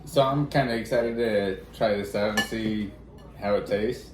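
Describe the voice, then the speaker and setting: Low-voiced man, distant and roomy. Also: a little slow. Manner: low-key, brief remarks. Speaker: guest taster. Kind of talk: casual chat. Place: home kitchen. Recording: distant, roomy, noisy home recording.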